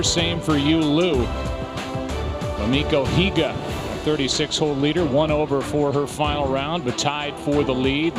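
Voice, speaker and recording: A man announcing a golf broadcast in live commentary style, reading out standings. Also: fairly high pitch.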